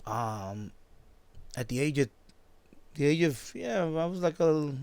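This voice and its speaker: A fifty-year-old man with a New York accent, born in Puerto Rico and raised in the Bronx, hosts a live stream from his home basement as a shortwave radio hobbyist. His voice is fairly high, expressive, slow and a little mellow, recorded with no room sound. He chats casually and rambles, often repeating his phrases.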